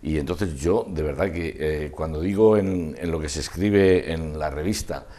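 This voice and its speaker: An older man reminiscing in an interview, discursive and halting, often trailing off mid-thought. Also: a bass voice, dark tone. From Spain. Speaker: interview guest, festival proclamation speaker.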